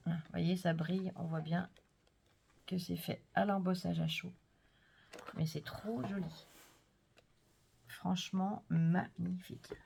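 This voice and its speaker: A woman vlogger chatting casually and gushing softly as she unboxes crafts, sometimes dropping to a whisper. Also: lowish voice, steady tone, slow pace, creaky, pauses often, slight background noise. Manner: gushing, soft-spoken, drops to whispers. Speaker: scrapbooking vlogger.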